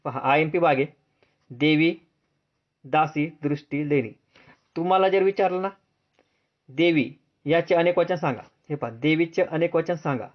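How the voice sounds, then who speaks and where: Man, Marathi accent, grammar teacher, asks and answers himself, slightly high voice, dull lo-fi recording. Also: measured pace, long pauses. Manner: repetitive, drills with questions and answers; answers drop low and soft. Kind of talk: grammar lesson for exam students. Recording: dull lo-fi sound.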